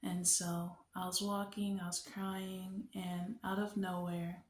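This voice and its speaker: Young woman vlogger, low and level, earnest faith testimony, echo of a bare room. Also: level tone, a little hiss or hum. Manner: earnest, unhurried, reflective storytelling. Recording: echoey room.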